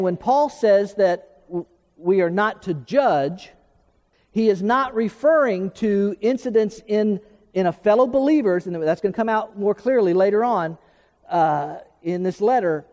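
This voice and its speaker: An older man, a pastor preaching a sermon with animated delivery, repeating himself and making asides. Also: high-pitched. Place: church sanctuary. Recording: church hall reverb.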